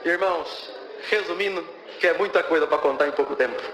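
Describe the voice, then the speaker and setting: Young guy from brazil giving a church testimony, higher voice, keeps praising god, echoey hall. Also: a little fast, a bit bright, slight background noise. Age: young adult. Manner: fervent, interjects praises to God.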